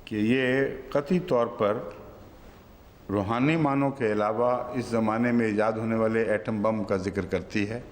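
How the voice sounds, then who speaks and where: A man's voice: on the low side, steady tone, long reverb tail. A man giving an unscripted religious lesson in a conversational manner, stopping now and then to question a helper. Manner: conversational, breaks off to quiz a helper. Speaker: religious teacher giving Quran commentary. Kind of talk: unscripted sermon-like lesson to a gathering.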